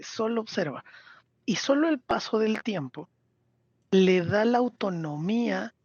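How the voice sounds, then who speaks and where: A man with a Mexican Spanish accent talking casually on a podcast, retelling scenes with lively acted-out quotes. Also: high voice, dry recording, dull audio. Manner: animated storyteller, acts out character quotes. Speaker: podcast co-host.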